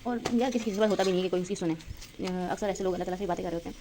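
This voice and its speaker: A young woman with a Pakistani Urdu accent chats quickly and loosely, full of fillers, as she cooks breakfast at home. She holds the phone in her hand as she talks. The home recording has a clear layer of background noise under her voice. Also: mid-range voice. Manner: rambling, chatty, full of fillers. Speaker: vlogger. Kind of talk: casual chat vlog while cooking. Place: home kitchen, indoors. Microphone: handheld phone.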